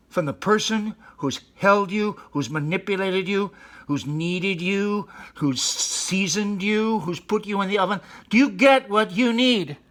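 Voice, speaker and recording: Man, high voice, bright tone, mock-serious comedy host, studio. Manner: earnest, mock-serious, interviewing food. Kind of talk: deadpan mock talk show.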